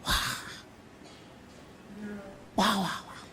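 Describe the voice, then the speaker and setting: A man's voice: drawn-out words, sharp tone, slight background noise. A male pastor preaching a sermon in a colloquial storytelling manner, speaking directly to the congregation.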